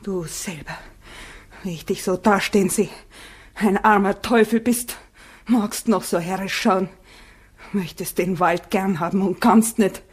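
A woman's voice: mid-range voice, a little slow. An actress playing an earnest, outspoken young farm girl in a 1960 radio play. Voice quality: breathy, soft. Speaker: Regina.

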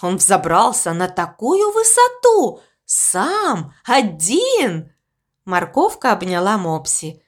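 A woman narrating a children's storybook in an expressive, melodic reading. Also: medium pitch, takes it slowly.

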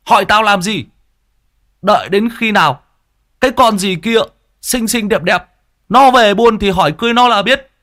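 A man's voice: high-pitched, normal speed, pauses often, pushed and bright, pitched above the performer's own voice. A male storyteller voicing a bumbling, flustered older village man who stammers. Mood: embarrassed.

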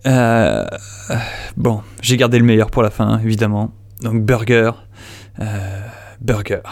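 A man's voice: lowish voice, flat delivery, a little slow, vocal fry, a little mellow, no room sound. A man who voices characters, rambling and joking before a recording session. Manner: rambling, joking, full of filler. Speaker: amateur voice actor. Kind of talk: casual recording-session chatter.

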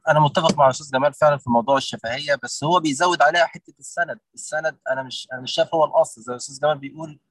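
A man taking part in a discussion, disagreeing in a measured way. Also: a little high, fairly bright tone, dry recording, low-quality recording. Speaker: discussion participant. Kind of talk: casual debate talk.

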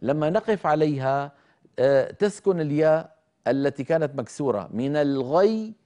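A middle-aged man teaching Quran recitation, explaining rules and slowly demonstrating each sound. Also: on the high side, dark tone. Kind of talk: televised tajweed lesson with live callers.

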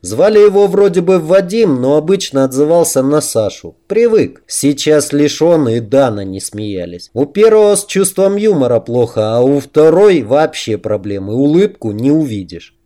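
A man narrating a novel aloud in a measured, even reading. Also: a little high. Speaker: audiobook narrator. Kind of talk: scripted narration.

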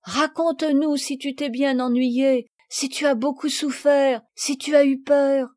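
A woman's voice: high-pitched, fairly even intonation, measured pace, darkish tone, no room sound, pitched above the performer's own voice. A woman reading aloud and voicing a curious, caring young girl who asks concerned questions.

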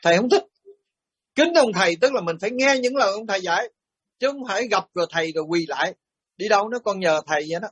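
A middle-aged man, a Buddhist monk giving a storytelling dharma talk, animated and blunt as he acts out quoted exchanges. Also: high-pitched, quick pace, slightly rough, no room sound.

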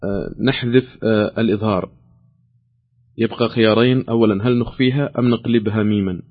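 Fast-talking low-voiced quiz host man. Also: fairly even intonation, narrow, tinny audio. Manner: reads questions out, patiently repeats options. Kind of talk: call-in quiz hosting.

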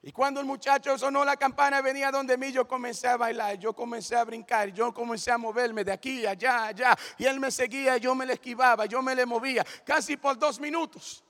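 A man giving a lively testimony sermon, telling his story with animation and often calling the listeners brother. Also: extremely high pitch, fairly quick, few pauses. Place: church. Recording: long church reverb.

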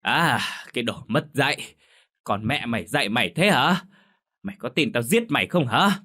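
A man voicing a drunken, violent middle-aged father who shouts curses and threats. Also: very high voice, big pitch swings, fast talker, voice pushed up, heavily acted. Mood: furious.

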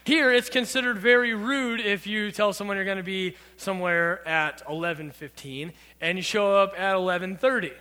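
A man with a high, bright voice preaches a youth sermon. He keeps it loose with playful, jokey asides to the listeners, and a long hall reverb trails every line. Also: normal speed, few pauses, clear, resonant tone. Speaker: youth pastor.

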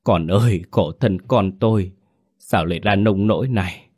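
A man's voice: low-pitched, normal speed, husky. A man voicing a panicked, furious young mother in a horror story reading. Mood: sobbing. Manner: frantic, shouting accusations.

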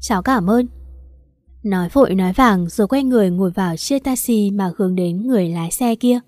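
Warm, mellow woman narrating a story. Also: medium pitch, fast, no echo, studio quality. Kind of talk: first-person audiobook narration.

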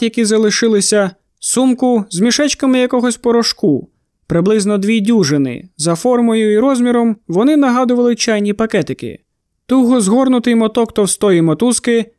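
A male narrator reading a novel in the first person at a measured, even pace. His voice sits high for a man. The recording is close and completely dry. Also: dry recording. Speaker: audiobook narrator.

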